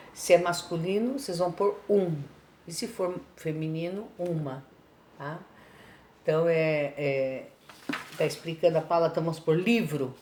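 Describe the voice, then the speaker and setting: A woman's voice: low-pitched, darkish tone. A Brazilian woman teaching a remote lesson, patiently explaining homework and checking in after each point. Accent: Brazilian Portuguese. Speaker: schoolteacher. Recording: echoey room with faint background noise.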